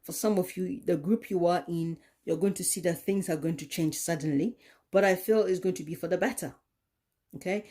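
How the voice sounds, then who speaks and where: A woman giving a tarot card reading, talking in a slow, soothing way with many "okay?" tag questions. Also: lowish voice, dark tone. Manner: drops into a whisper at times. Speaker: tarot reader.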